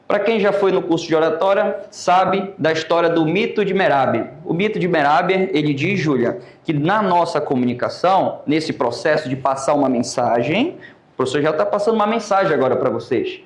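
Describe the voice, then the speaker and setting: A Brazilian man teaching an oratory class, lecturing lively and calling on students by name. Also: on the high side, moderate pace, echoey room. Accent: Brazilian Portuguese.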